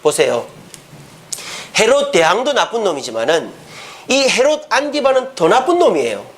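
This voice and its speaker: A middle-aged male pastor preaching a lively storytelling sermon, often asking the congregation questions. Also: sits high, moderate pace.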